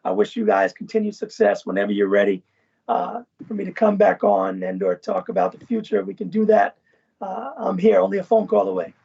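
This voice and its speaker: Gravelly, husky man on a video call. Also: high voice, expressive, fairly quick, mellow, lo-fi sound. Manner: expansive, uses "right?" and "you know" as tags. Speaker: guest, former event manager and professor. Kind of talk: casual interview talk.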